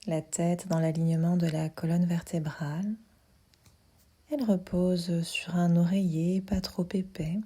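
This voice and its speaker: This woman, a yoga nidra guide, talks slowly through a guided sleep meditation. Her fairly low voice is soft, breathy and half-whispered, and she gives calm, soothing, unhurried instructions with pauses in between.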